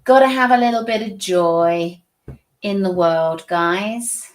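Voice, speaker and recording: Through a streaming setup, a woman hosts a live-stream tarot reading in a mid-range voice, taking it slowly. She's chatty and reassuring with spiritual talk, often repeating phrases.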